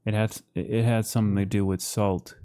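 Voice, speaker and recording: A man co-hosting a casual chat, relaxed and laughing often, saying bro and dude. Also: on the low side, moderate pace. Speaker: podcast co-host. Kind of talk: casual chat while browsing a map.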